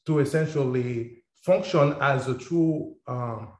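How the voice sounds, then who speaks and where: A man's voice: medium pitch, slow pace, darkish tone. Reflective Haitian-born man in an echoey room. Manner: thoughtful, many fillers and restarts. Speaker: circle participant. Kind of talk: reflective personal sharing.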